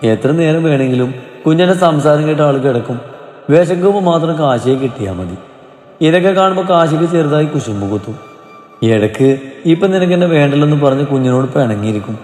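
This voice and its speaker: A man narrating a family story in a gentle, steady storytelling manner. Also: mid-range voice, fairly quick. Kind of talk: scripted narration. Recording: roomy reverb, soft music behind.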